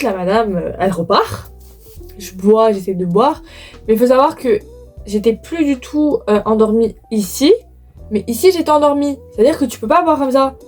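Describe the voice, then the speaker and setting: A young adult woman telling a personal story to viewers in casual, slangy chat, expressive and dramatic, repeating phrases for emphasis. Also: fairly high pitch.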